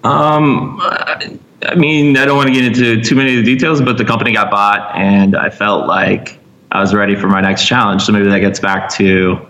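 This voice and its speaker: Low-voiced man, muffled recording. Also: fairly even intonation, moderate pace, a bit bright. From Vermont. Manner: hesitant, thoughtful, many fillers. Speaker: guest. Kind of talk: casual interview chat.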